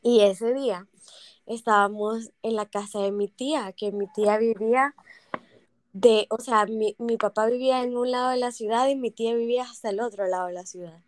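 Podcaster, higher voice, dry close mic, lively storyteller. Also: female voice, moderate pace, no room sound. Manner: animated, acts out quoted voices. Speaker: podcast co-host. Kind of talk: casual storytelling chat.

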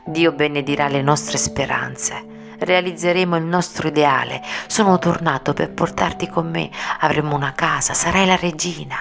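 An ardent young man in an audiobook speaks slowly and earnestly, as a woman narrator reads his part. The voice sits low with a gravelly edge. Music plays clearly underneath. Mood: tender, earnest. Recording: music playing clearly behind.

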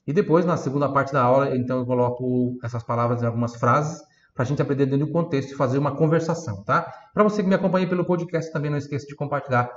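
Patient man teaching Italian, roomy sound. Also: mid-range voice. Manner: patient, drills words slowly, spells letter by letter, frequent "né" and "tá". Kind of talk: online language lesson. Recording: roomy, slightly dull sound.

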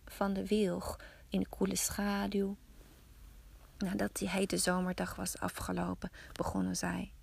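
A woman podcast host telling a folk tale slowly, often dropping to a hush. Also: medium pitch, vocal fry. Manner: slow, hushed, often whispering. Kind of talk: storytelling narration.

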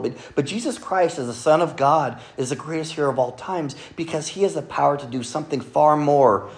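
A man preaching a Sunday sermon to a congregation, earnestly quoting scripture and often dropping to a soft, quiet delivery. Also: mid-range voice. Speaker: pastor. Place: church service with congregation.

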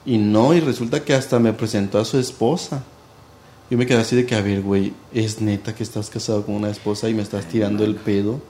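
A man with a Mexican Spanish accent, chatting casually as a podcast host and telling gossipy stories in an animated way. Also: fairly low pitch, fast, slight background noise. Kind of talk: casual chat. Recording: echoey room with faint ambience.

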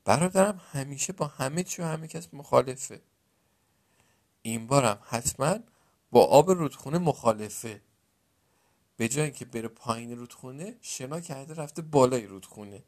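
A man's voice: mid-range voice, lively intonation, a little mellow, natural voice. A man voicing a practical older brother in a spoken folk tale, reasoning and giving in. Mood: realizing. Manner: reasoning, gives in then insists. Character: patient, practical older brother, a grown farmer.

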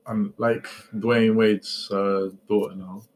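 A man's voice: lowish voice, little pitch movement, slow, a little mellow, a little hiss or hum. A young man with a London roadman accent, talking casually with friends. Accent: London, urban street slang. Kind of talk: casual group chat.

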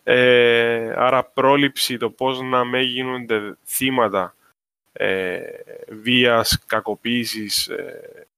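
A man's voice: medium pitch, level tone, bright, forceful tone, smooth, dry recording. A man with a Cypriot Greek accent talking casually, explaining his points with examples in an informal discussion. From Cyprus. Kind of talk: casual discussion of social issues.

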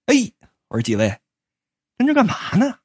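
Woman doing a cocky young guy, swaggering, stammering, lively swooping pitch. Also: normal speed, slightly rough, exaggerated voice. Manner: swaggering, quarrelsome, bursts into flustered stammering. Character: brash cocky young man back from the dead. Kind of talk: comic storytelling.

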